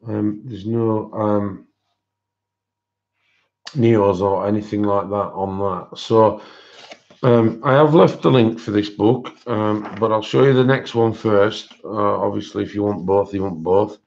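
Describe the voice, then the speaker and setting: A man's voice: fairly low pitch, a little slow, gravelly, a little mellow. A man who says w for r, chatting casually as he hosts an art livestream. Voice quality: cannot pronounce his R's properly, says w for r. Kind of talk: casual live-stream chat, showing colouring books. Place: indoors at a desk, overhead camera on hands. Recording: dull, lo-fi sound.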